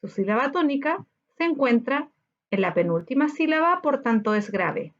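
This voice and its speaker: A woman teacher with a Chilean Spanish accent, giving a recorded lesson and sounding out syllables slowly. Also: sits high, sing-song, highs cut off. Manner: slow, sounds out syllables in a drawn-out voice.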